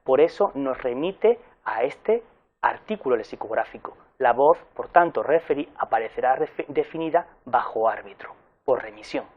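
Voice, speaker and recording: A man giving a recorded university lecture in an explanatory way, pausing with fillers and correcting himself as he goes. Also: mid-range voice, lively intonation, phone-quality sound.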